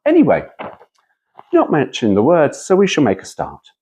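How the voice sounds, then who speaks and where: This UK car vlogger reads out brochure text and chats loosely, constantly breaking off into playful tangents. He speaks at a moderate pace in a fairly high, dark, slightly rough voice with huge pitch swings.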